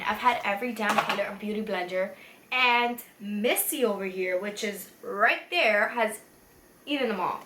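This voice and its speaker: A tipsy woman chatting casually through a makeup tutorial, rambling and self-deprecating with mild swearing. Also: mid-range voice. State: tipsy from beer. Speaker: beauty vlogger, tutorial host. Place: echoey room at home. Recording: echoey room with faint noise.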